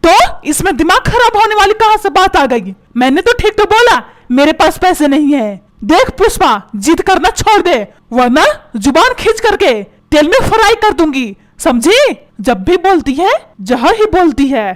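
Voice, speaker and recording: A woman's voice: extremely high pitch, big pitch swings, normal speed. A woman voicing a stingy, short-tempered middle-aged husband in a comic cartoon, scolding and sarcastic.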